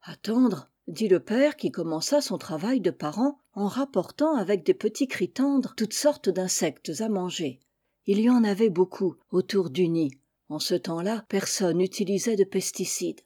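A woman reads a children's fable aloud in a gentle, measured storybook manner. Her voice is dark and mellow, with a husky, breathy softness at mid pitch. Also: lively intonation.

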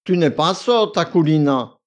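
A man's voice: on the high side, lively intonation, measured pace. Man putting on a nasal, drawling, disdainful young valet. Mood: bored, condescending. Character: arrogant lazy young male valet, disdainful.

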